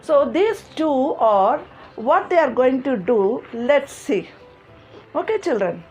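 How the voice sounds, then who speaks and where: A woman's voice: high-pitched, sing-song, takes it slowly, darkish tone, breathy edge, faint music behind. A woman teacher telling a story to children, repeating simple phrases and asking them questions.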